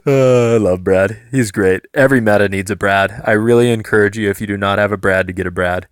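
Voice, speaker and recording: A man's voice: fairly low pitch, no echo, clean studio sound. A young man casually recapping a tabletop game, chatty and self-deprecating, laughing often. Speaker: tabletop game channel host.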